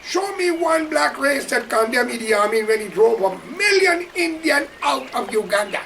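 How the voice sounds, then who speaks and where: A man's voice: very high-pitched, sing-song, moderate pace, vocal fry, fairly bright tone, recorded from a distance, slight background noise, poor audio. A man from Guyana with a Guyanese accent, delivering an impassioned, preachy political monologue straight to his listeners. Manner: preachy, emphatic, addresses listeners directly. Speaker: political commentator.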